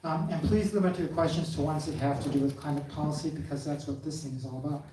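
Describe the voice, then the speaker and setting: An event moderator at a live forum in a large hall gives instructions hesitantly, with fillers and self-corrections. Their mid-range, dark voice is fast and fairly even in intonation. The mic sits far away, so the audio is echoey with audible room noise.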